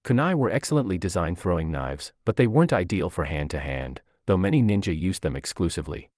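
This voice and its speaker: A man reads a fan fiction story aloud in a very deep voice. His pitch rises and falls a great deal as he tells it, and the recording is close and dry, with no room sound. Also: no room sound. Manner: lively, expressive storytelling. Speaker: narrator.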